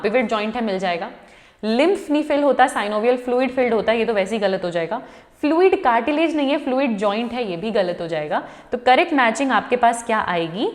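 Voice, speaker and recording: A woman's voice: fairly high pitch, in a large hall. A woman teacher giving an exam-prep lecture, walking through each question step by step, repeating the answers and addressing students as her children.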